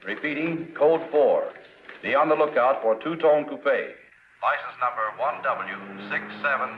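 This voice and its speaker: An actor playing a brisk, formal police radio dispatcher in a 1950s film, heard as a radio transmission. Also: male voice, mid-range voice, expressive. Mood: urgent, official. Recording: noisy, dull, echoey old film soundtrack.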